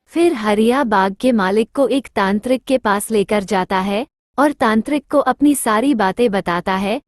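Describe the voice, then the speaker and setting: A woman's voice: medium pitch, measured pace, no echo, clean studio sound. A woman narrating a cartoon story in plain scripted storytelling.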